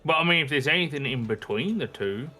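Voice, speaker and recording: A man's voice: on the high side, lively intonation, a little fast, pushed and bright. A man playing a tabletop role-playing game, chatting casually and joking, with hesitant fillers. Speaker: player.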